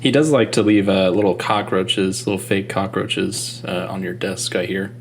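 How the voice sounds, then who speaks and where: A man's voice: low voice, steady tone, moderate pace, gravelly, slight background noise. A man as a talk show guest, speaking in a dry, wry way with some hesitation. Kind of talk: casual chat.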